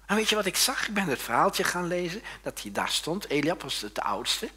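A male preacher delivers a sermon, his pitch swinging widely as he jokes and keeps turning to the congregation with quick tag questions. His voice is husky yet forceful. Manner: lively and joking, often tags questions to the congregation. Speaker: pastor.

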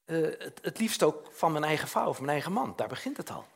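A man's voice: fairly high pitch, big pitch swings, brisk, vocal fry, slightly rough. An older man preaching a chatty, informal sermon, often tagging questions onto his sentences and acting out little scenes.

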